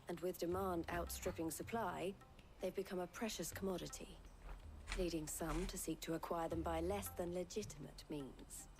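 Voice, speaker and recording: An actress playing a composed, formal woman trader in a video game, speaking in a measured, persuasive way. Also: on the low side, close to an everyday voice. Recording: game audio with music underneath. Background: game music.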